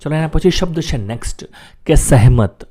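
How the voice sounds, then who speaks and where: A man teaching English vocabulary in his native Gujarati, saying each word slowly several times and asking listeners to repeat after him. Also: fairly high pitch, expressive, warm tone.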